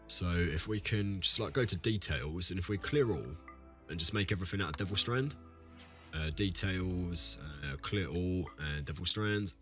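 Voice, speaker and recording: Low-voiced man, sick, rambling. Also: moderate pace, sharp tone, soft background music. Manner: rambling, self-correcting, talks to viewers. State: ill, deeper voice than usual. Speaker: let's play host. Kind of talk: casual gameplay commentary.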